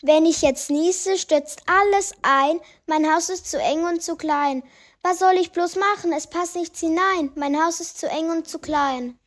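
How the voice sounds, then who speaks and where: A woman's voice: very high-pitched, measured pace. A woman voicing a fretful, forever complaining old grandmother in a rhyming story. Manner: rhyming, wailing lament.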